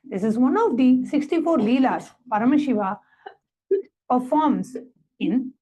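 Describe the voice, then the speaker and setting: A woman presenting a devotional satsang, reading a story aloud and then giving step-by-step guided instructions in a measured, reverent way. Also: high-pitched, expressive, dark tone, slightly rough, poor audio.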